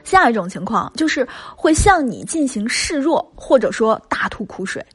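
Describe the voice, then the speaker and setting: A woman's voice: on the high side, sing-song, normal speed, slightly rough, soft background music. A woman coaching her listeners on relationships in a chatty, emphatic spoken lesson full of rhetorical questions.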